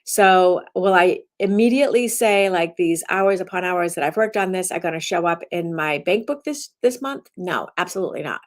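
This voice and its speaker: A woman's voice: on the low side, lively intonation, normal speed, few pauses. A woman instructor giving her daily message as rambling casual talk, often restarting her sentences. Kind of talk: casual self-recorded talk.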